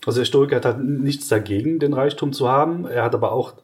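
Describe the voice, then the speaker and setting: A man at a middle pitch co-hosts a podcast discussion. He explains patiently, stumbling through restarts and then warming into lively, exaggerated examples. His delivery stays conversational rather than scripted. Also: quick pace. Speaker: podcast co-host.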